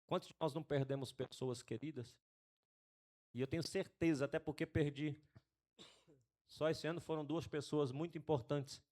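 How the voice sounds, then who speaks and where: A middle-aged man preaching a sermon to a congregation, asking them questions and building to loud, urgent passages. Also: mid-range voice. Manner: asks the congregation questions, adds "né?". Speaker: pastor.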